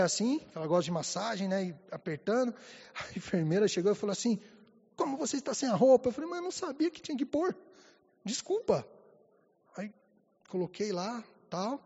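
A man with a high voice preaches in a church, hushed and halting at times, fervent at others. His voice carries a long hall reverb, and the sound is dull and muffled. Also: slightly rough. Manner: soft and halting, rising to fervent. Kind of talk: sermon with personal testimony.

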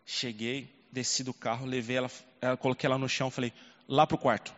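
A male pastor preaching a sermon and telling a personal story, moving between hushed and loud passages. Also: mid-range voice, flat delivery, fast. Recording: long reverb, dull lo-fi sound.

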